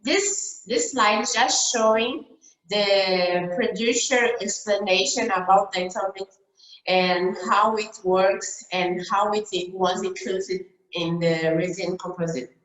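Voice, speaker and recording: Woman, from Brazil, Portuguese native, conference talk over slides, halting with fillers, medium pitch, echoey room, video call. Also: a bit bright. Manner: halting, many fillers and restarts. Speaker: dentist presenting a case report. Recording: roomy echo.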